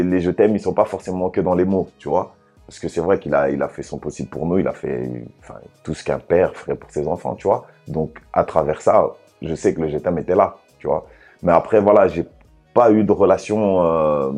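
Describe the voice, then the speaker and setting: A man from Congo telling his life story in a casual podcast chat, relaxed, often ending a phrase with a tag question. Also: low voice.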